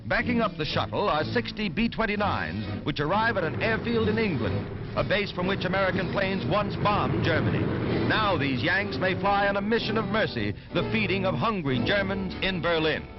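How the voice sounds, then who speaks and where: A man's voice: high voice, sing-song, moderate pace. A man giving dramatic, emphatic 1940s newsreel narration, heard as old newsreel sound. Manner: dramatic, emphatic announcer delivery. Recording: dull lo-fi film soundtrack with music.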